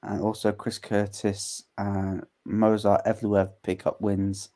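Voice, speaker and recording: A man's voice: lowish voice, level tone, slow, dark tone. A young man co-hosting a live fight watchalong, chatting casually, laughing often and recapping the action for viewers who have just tuned in.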